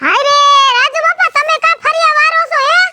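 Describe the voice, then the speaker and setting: A woman's voice: very high-pitched, steady tone, a little fast, background noise. A woman playing a sympathetic village woman who pleads with an old neighbor in a chatty way. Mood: pleading. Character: soft-hearted young village woman.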